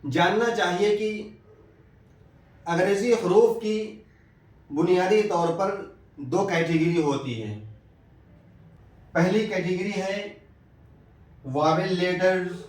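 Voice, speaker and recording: A man giving a step-by-step English lesson, sounding out example words slowly and deliberately. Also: sits high, distant mic. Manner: slow and deliberate, drawing out example words one by one. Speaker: English teacher. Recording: very echoey room, a little off-mic.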